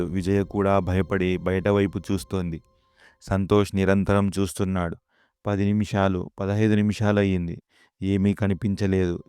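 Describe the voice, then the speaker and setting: A man narrating a horror story in a steady, unhurried storytelling manner. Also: sits low, clean tone.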